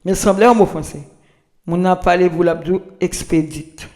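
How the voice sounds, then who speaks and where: A man's voice: high-pitched, a little mellow. A man with a Haitian Creole accent who gives an informal spoken lesson on pronunciation, repeating himself and restarting often. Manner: repetitive, halting, many restarts. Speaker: language tips presenter.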